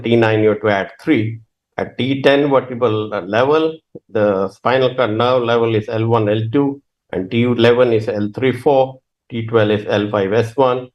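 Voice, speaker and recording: A man's voice: on the high side, a little mellow, rough recording. Man lecturing with frequent hesitations. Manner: hesitant, with fillers and self-corrections. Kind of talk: medical lecture. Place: webinar, speaking from his own room.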